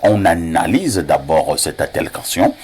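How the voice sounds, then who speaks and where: A very deep-voiced man presents the news. He talks haltingly, filling pauses with hesitation sounds. A faint noise floor sits under his voice. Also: animated, a little mellow. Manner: hesitant, many filler sounds. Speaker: TV news commentator. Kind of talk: studio commentary.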